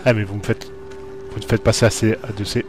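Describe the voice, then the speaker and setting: A man's voice: fairly low pitch, little pitch movement, fairly quick, a little mellow, soft background music. A man playing a horror video game and commenting live for viewers, jumpy and talking to the screen. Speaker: let's play gamer.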